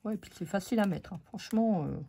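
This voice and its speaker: A woman's voice: mid-range voice, expressive, fast, creaky, mellow, slightly rough. A woman with a French accent losing her voice, chatting casually to viewers about craft supplies with many fillers. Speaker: craft channel host. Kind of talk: casual craft haul chat.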